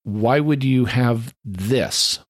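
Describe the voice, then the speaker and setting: A man co-hosting a podcast, explaining a point at length in casual discussion and growing animated as he argues it. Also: medium pitch, very slow, dry recording, studio quality. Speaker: podcast co-host.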